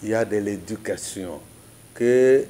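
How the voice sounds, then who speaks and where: A man from Congo with a low-ish, dark voice speaks at a measured pace in an interview. His political commentary is earnest and preacher-like, and he makes his points through parables and biblical examples.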